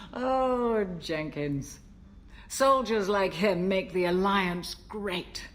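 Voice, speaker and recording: An actress playing a calm, wry older female military ship's doctor in a video game, speaking in a gentle, reflective way. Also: medium pitch. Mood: amused. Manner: gentle, reflective, measured delivery. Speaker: game character.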